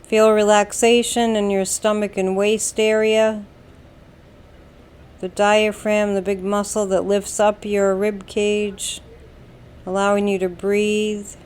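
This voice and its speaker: This is slow guided meditation narration from a woman with an American accent. Her instructions come calmly and soothingly, deliberately spaced with long pauses, in a clean tone at medium pitch.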